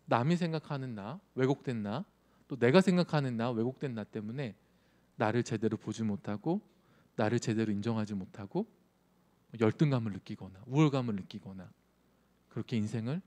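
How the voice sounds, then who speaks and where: A male youth pastor with a warm, mid-range voice preaches a sermon in a conversational style, frequently asking his audience questions.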